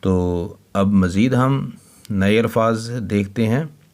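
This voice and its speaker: An Urdu teacher helps children learn to read, speaking very slowly and deliberately in a lowish, slightly mellow voice. He spells out each word letter by letter, then says it twice.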